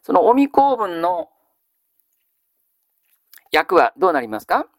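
A male teacher giving a grammar lesson. He asks a question, then answers it himself in a measured way. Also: high voice, big pitch swings, dry recording, clean studio sound. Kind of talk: classical Japanese grammar lesson.

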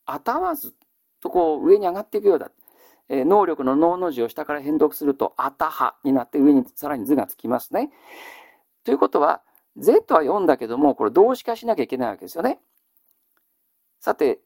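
Patient male teacher, gravelly and lively. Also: on the high side, no room sound, clean studio sound. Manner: patient, drills listeners with questions and repeats answers; polite, measured lecturing with frequent fillers. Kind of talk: classical Chinese reading lesson.

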